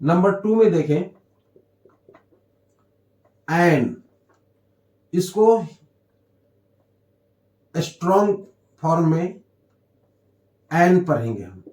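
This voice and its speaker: A man teaching an English grammar lesson, explaining slowly and deliberately and repeating the key terms. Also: high voice, mellow. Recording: echoey room.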